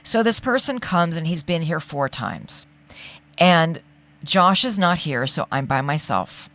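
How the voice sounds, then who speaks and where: A woman in casual conversation, an animated storyteller who acts out the people she quotes. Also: sits low, a little slow. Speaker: podcast co-host.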